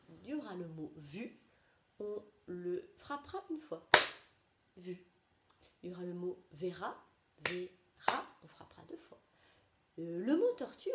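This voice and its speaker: A woman teaching young children a nursery rhyme, gentle and sing-song, dropping at times into soft whispers. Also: medium pitch. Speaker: preschool teacher. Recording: echoey room with faint noise.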